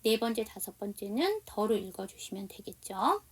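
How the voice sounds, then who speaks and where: A woman teaching English to Korean speakers, reading English lines slowly with a Korean accent and explaining them in Korean, often asking her listeners questions. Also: mid-range voice, big pitch swings, slightly rough, recorded from a distance. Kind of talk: slow explanatory language lesson.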